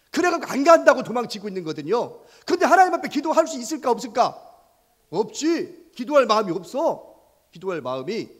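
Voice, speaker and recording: A man preaching to children as a Sunday school preacher, telling a Bible story in an animated way and asking them questions. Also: high-pitched. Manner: animated, asks children questions, voices sound effects.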